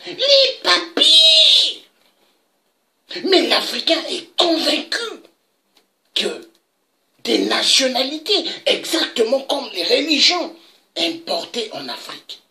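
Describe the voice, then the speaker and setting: Woman, political commentator: slow, indignant rant with a gravelly edge and sharp, high tone. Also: very animated. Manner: emphatic, indignant, with dramatic pitch leaps. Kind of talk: impassioned political monologue.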